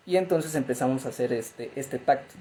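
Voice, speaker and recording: Mellow-voiced therapist man. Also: medium pitch, fairly quick, a little hiss or hum, low-quality recording. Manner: conversational, frequent fillers and tag questions. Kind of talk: explanatory talk on grief.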